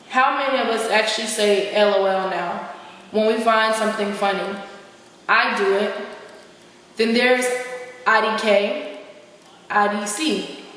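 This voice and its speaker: A slang-spouting male philosopher rants with indignant sass, as a woman acts him out in an amateur skit. The voice sits at a middle pitch. It comes from far across a hall with a long, heavy echo. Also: a bit bright. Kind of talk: amateur skit role-play.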